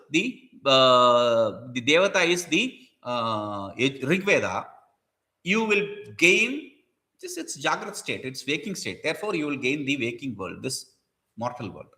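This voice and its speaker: Man, scripture lecture, lively up-and-down pitch, bright tone, mixes chanted Sanskrit with explanation. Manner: explains each Sanskrit term in English, chants verses.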